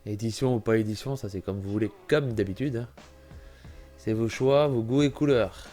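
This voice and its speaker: A man's voice: fairly low pitch, normal speed, mellow, soft background music. A man with a cold, giving a chatty, self-correcting walkthrough of a computer-building game and often apologizing. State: has a cold, clearing throat. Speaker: gaming YouTuber. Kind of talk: casual gameplay walkthrough commentary.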